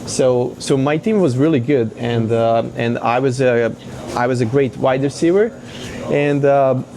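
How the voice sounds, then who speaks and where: Guest, thirties, halting casual talk, ordinary pitch. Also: male voice, darkish tone. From Serbia. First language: Serbian. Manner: hesitant, many fillers. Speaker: guest, café owner. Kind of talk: casual interview.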